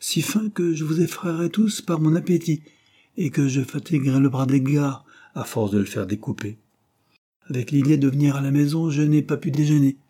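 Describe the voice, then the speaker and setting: A headstrong, impetuous young woman, merry and quick to ask after everyone, voiced by a man reading a storybook. The voice sits noticeably higher than his own and keeps a dark, slightly husky grain. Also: fairly even intonation. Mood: playful. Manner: eager, quick questions. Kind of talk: audiobook character reading.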